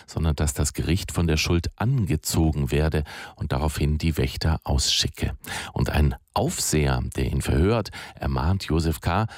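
A man calmly explaining in a matter-of-fact narration, his voice extremely deep. The recording is close and dry, with no room sound. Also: no room sound.

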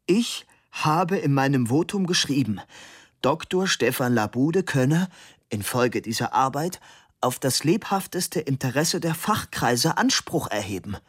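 A man reading an audiobook and voicing a formal, fussy old male literary historian whose stiff speech turns shrill and indignant. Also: steady tone, a little slow, no room sound, clean studio sound. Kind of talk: audiobook narration.

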